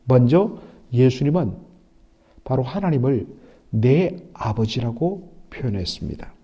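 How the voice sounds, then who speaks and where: A man preaching a sermon as pastor, in an earnest style with frequent pauses and lines quoted with feeling. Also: mid-range voice, very animated, dark tone, husky. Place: church.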